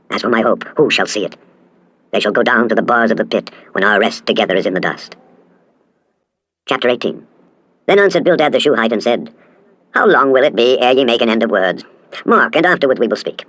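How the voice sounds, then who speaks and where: A man's voice: medium pitch, a bit bright, no echo, poor audio. A man giving a scripted, dramatic reading of scripture in a solemn, declamatory manner. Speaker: scripture reader.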